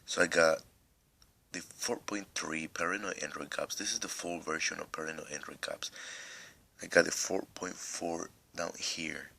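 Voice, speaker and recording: A man's voice: sits low, fairly even intonation, moderate pace, vocal fry, sharp tone. A man with a non-native accent walking through a phone tutorial step by step, rambling a little and fighting a cough. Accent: non-native English accent. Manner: rambling, restarts often, step-by-step. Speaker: tech tutorial host. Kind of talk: casual screen tutorial.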